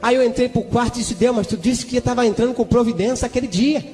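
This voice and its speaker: Male preacher testimony voice: very high, fervent, bursts of tongues, echoey church hall with music behind. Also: fast talker. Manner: fervent storytelling with sudden shouted exclamations; breaks into tongues between sentences. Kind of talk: sermon testimony.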